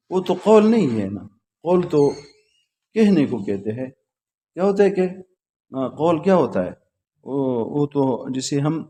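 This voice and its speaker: A man's voice: medium pitch, warm tone. A male teacher giving a classroom lecture on logic at a religious school, quizzing his students and repeating their answers back to them in a patient, repetitive way.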